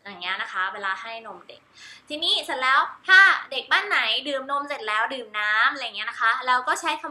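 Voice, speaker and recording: A woman's voice: sits high, pushed and bright, reverberant. A woman teacher giving a cheerful lesson on baby sign language, demonstrating each sign while repeating English words. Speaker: homeschool teacher.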